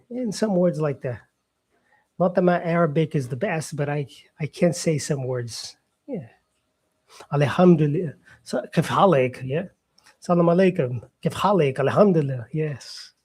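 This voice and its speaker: A man's voice: a little high, a little mellow, husky. Brazilian man chatting on a live stream. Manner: chatty, answers viewer comments. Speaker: English teacher hosting a live stream. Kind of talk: casual live-stream chat.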